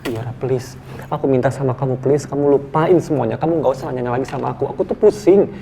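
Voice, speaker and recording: A man's voice: mid-range voice, fast, vocal fry, dark tone, slight background noise, natural voice. An actor playing a young man who evades his girlfriend's questions, pleading and exasperated, in a TV soap drama. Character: young man Raka, troubled boyfriend, evasive.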